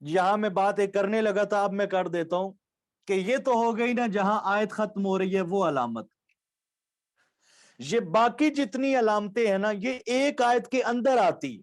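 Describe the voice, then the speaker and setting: In an online class on reciting the Quran, a man from Pakistan speaks in a fairly high voice. Patient throughout, he revisits every rule with easy examples and repeats the main points.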